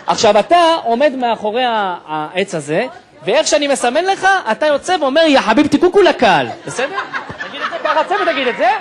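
High-voiced man teasing volunteers on stage. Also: very animated, a faint crowd. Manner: teasing, bossy director banter. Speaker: comedian. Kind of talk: stand-up crowd work. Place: stage before a live audience. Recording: live show with audience noise.

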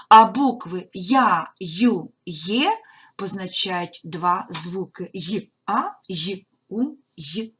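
A woman teaching a primary school language lesson on video, sounding out words slowly and carefully as if dictating. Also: mid-range voice, fairly bright tone, breathy edge. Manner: slow, careful dictation-like articulation, stretching out words.

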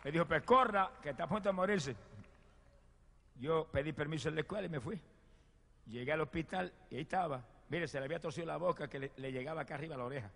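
A man preaching a sermon and telling his own testimony, fervent, swinging from loud exclamations to hushed storytelling. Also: on the high side, fast talker, vocal fry. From Puerto Rico. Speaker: evangelist preacher. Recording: long hall reverb.

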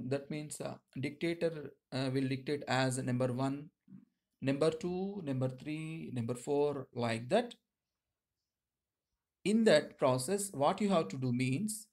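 A man with an Indian accent speaking as a shorthand instructor, dictating to students in short, measured phrases. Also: a little high, darkish tone.

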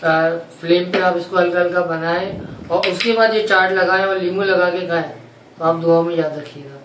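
A man's voice: high-pitched, fairly even intonation, moderate pace. Chatty guy showing a recipe at home, kitchen echo, a bit of background hiss. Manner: chatty, repeats points to viewers. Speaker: cooking channel co-host. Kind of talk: casual cooking demo chat. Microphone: far camera. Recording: roomy kitchen sound from a distance, faint noise.

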